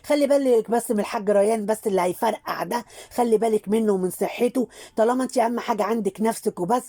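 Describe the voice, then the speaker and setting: Fast, scolding Egyptian woman commentator. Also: on the high side, dark tone. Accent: Egyptian Arabic. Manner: scolding, mocking and preachy. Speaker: social media commentator. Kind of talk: satirical commentary on social media figures.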